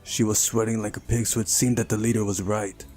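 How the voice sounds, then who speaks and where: Brisk and level, his fairly low voice has a darkish tone. He's a game playthrough host reading a visual novel's narration aloud, adding casual, wry asides, while faint music plays behind.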